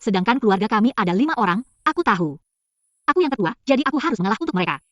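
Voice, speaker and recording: A woman's voice: on the high side, animated, rapid-fire, no echo, lo-fi sound, close to an everyday voice. An actress as a tearful young village woman. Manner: tearful, emotional pleading. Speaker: lead actress. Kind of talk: dubbed short drama.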